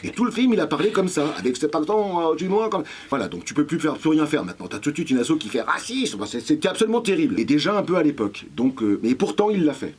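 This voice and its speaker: A man, a voice actor guest in an interview, telling lively anecdotes and swearing casually. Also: fairly high pitch, fast talker, hardly any pauses, breathy edge.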